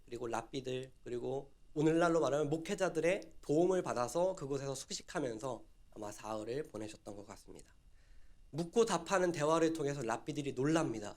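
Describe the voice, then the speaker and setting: A man preaching a sermon, retelling a story and asking his listeners questions. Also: fairly high pitch. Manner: storytelling, acts out quoted dialogue and asks the listeners questions.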